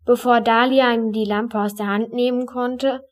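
A woman reading a children's story aloud in a calm, even storytelling voice. Her pitch sits a little high. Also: normal speed. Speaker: reader.

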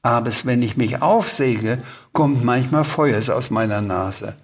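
A man's voice: fairly high pitch, lively intonation, gravelly, voice pushed up, heavily acted. A man doing a fretful little dragon who lisps S for R. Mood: earnest. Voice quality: swaps S for R in every word. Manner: slow, raised, plaintive. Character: small blue dragon, piglet-sized, earnest and fretful.

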